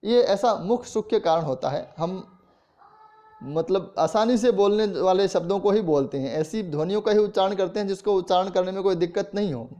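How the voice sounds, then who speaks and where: A man with a Rajasthani Hindi accent teaches a college class in a fairly high voice. He explains patiently, point by point. He says words aloud to show how they sound. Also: dark tone. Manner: explains slowly, demonstrates pronunciation aloud. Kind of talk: classroom lecture.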